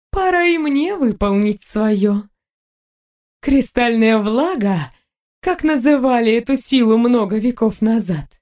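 A woman voicing a playful, ancient female water spirit, a mermaid, speaking in slow, bright, teasing lines. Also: fairly high pitch.

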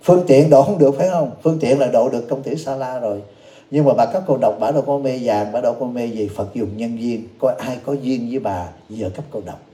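A man's voice: mid-range voice, fairly quick, dark tone, echoey room. A man, a Buddhist monk who gives a storytelling dharma talk and acts out the characters.

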